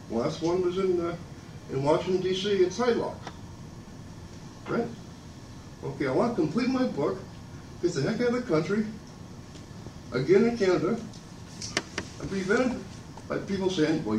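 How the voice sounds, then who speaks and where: An older man delivers a rambling public comment at a meeting, loud, booming, abrasive, and aggrieved. He's recorded from far off in an echoey, noisy room.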